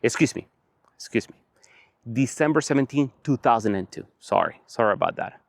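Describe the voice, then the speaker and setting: A man's voice: mid-range voice, a little fast, dry recording, studio quality. Earnest man in his forties. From Venezuela. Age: 40s. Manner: earnest, repeating phrases for emphasis. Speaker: vlogger. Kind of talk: motivational talk to camera. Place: outdoors on a windy evening.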